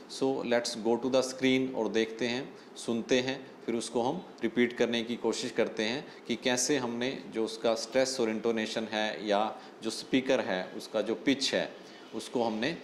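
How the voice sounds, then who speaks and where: A man giving a spoken exam-prep lesson as a trainer, explaining steadily and mixing in English phrases. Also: mid-range voice. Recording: echoey room with faint ambient noise.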